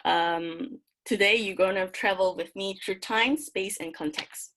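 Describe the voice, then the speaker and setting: A woman's voice: mid-range voice, unhurried, a bit bright. A young woman from Malaysia with a Malaysian English accent, giving an academic presentation in a chatty way with many fillers and restarts. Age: young adult. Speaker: graduate student presenter.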